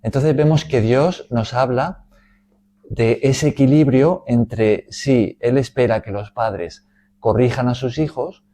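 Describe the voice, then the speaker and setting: Slow, mellow teacher. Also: male voice, medium pitch, a little hiss or hum. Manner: measured, frequent "¿no?" tags. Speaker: Bible study teacher. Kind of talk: conversational Bible teaching.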